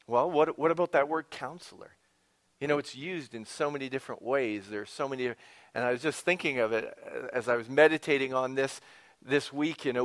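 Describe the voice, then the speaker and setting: A man preaching a sermon with expressive emphasis, dropping to a whisper and rising for key points, with conversational asides to the congregation. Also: a little high. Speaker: pastor.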